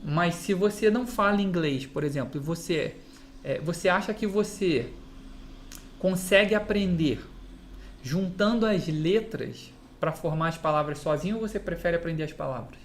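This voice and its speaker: A man with a Brazilian Portuguese accent giving a direct-to-camera guitar lesson, often checking in with the listener through quick rhetorical questions. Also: fairly high pitch, slight background noise. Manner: explains with repeated "entende?" and quick rhetorical asides. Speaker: guitar teacher.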